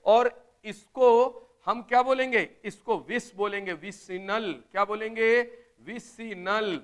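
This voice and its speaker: A man teaching chemistry in a live online class, explaining step by step and urging students to answer quickly in the chat. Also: high voice, steady tone, a bit bright, clear, resonant tone. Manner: explains step by step, often asks "right?".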